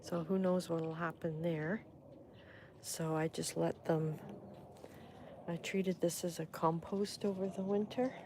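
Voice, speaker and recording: A woman's voice: fairly low pitch, fairly even intonation, slow, long pauses, background noise. A woman hosting a casual livestream, chatting in a rambling, fond way as she walks through her garden with her phone. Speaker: host. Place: outdoors in a garden. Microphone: phone held in hand.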